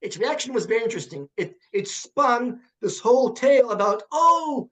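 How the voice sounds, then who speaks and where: Halting high-voiced man, often repeating words. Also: lively intonation. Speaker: guest, computer science professor. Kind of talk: conversational interview.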